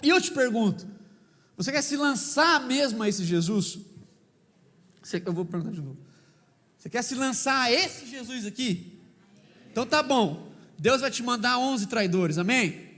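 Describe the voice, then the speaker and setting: Male pastor, São Paulo accent, high-pitched, humorous storyteller, reverberant hall recording. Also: normal speed, pauses often. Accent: São Paulo Brazilian Portuguese. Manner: humorous, animated, questions the congregation. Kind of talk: lively preaching with stories. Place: church hall.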